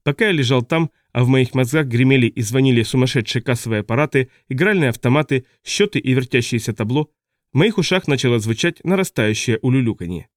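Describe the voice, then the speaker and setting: A man reading a first-person audiobook in a steady storytelling manner. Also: mid-range voice, fast talker, dry recording, clean studio sound. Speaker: audiobook narrator.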